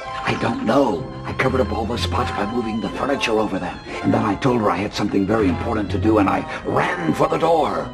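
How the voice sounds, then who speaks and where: A man's voice: fairly low pitch, expressive, a little fast, gravelly, over music. A man playing an earnest, bumbling creature with a snout who fumbles through his problems. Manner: earnest, fumbling, eager to behave well. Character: bumbling, polite male creature with a big snout.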